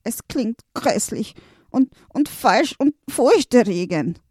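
A man's voice: very high voice, expressive, slow pace, a little mellow, husky, no room sound, clean studio sound, voice pushed up, heavily acted. A woman voicing a small, round, panicky male note creature in a children's storybook, pleading frantically. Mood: desperate.

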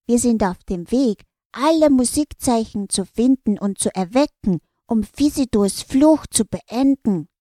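A woman's voice: a little high, lively intonation, measured pace, few pauses, mellow, no echo, clean studio sound, pitched above the performer's own voice. Woman doing a curious little quarter-note boy. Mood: eager. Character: curious young male quarter-note, eager.

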